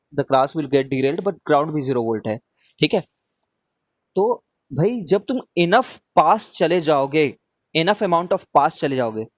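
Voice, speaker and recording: A man's voice: fairly high pitch, no room sound. A man teaching a live online revision class, talking casually and often checking in with his students as he answers their questions.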